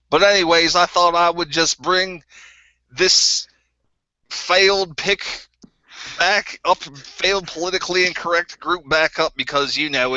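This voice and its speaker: This man's voice sits on the high side with a sharp tone, recorded dry and dull in lo-fi. He plays a bitter, crude ex-member of a group, rambling and stammering in a fake New Zealand accent.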